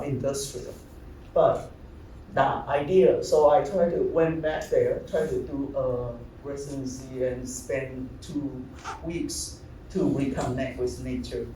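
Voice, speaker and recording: Man from taiwan, artist talk, slow and halting, heard from off-mic in a roomy hall. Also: medium pitch, darkish tone, recorded from a distance. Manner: halting, searching for words, many fillers and restarts. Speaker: visual artist giving a talk. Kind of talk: artist talk presenting slides. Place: large gallery hall. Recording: echoey hall, speaker off-mic, faint room noise.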